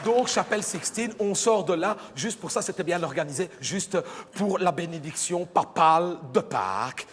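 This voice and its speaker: A man's voice: high-pitched, expressive, moderate pace, crowd noise. A man playing a chatty, gossipy middle-aged mother, rambling through a comic monologue. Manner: chatty, rambling, punchline-driven. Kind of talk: stand-up character monologue. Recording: live hall with reverb and audience noise.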